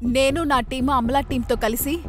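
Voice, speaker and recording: A woman's voice: high voice, steady tone, moderate pace, fairly bright tone. An actress playing an urgent, insistent young woman agent.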